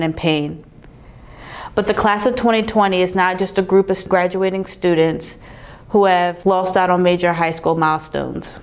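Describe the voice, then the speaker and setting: A young woman delivers her graduation address as class president, earnest and measured. Her voice sits on the lower side, and she pauses between the items she lists. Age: young adult. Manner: earnest, measured, reads a list-like speech with pauses. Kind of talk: prepared commencement speech. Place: studio in front of a backdrop, indoors.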